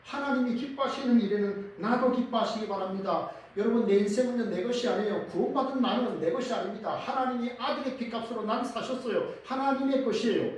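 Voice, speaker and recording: A man's voice: very high-pitched, fast talker, few pauses, a little hiss or hum. A male pastor preaching a sermon, earnest and speaking straight to his congregation in a church. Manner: earnest, addresses the congregation directly. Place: church sanctuary. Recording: echoey church from far off.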